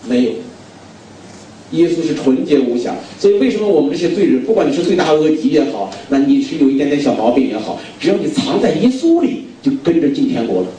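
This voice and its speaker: A middle-aged man from China preaches with a mellow, dark voice, driving his points home by repeating them and questioning the crowd. He sounds set back from the microphone, and his words ring through a very reverberant hall with faint noise underneath. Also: fairly high pitch, big pitch swings, quick pace. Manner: emphatic, repeats key phrases, asks the audience questions. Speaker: guest preacher. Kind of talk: sermon. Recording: very echoey hall, distant mic.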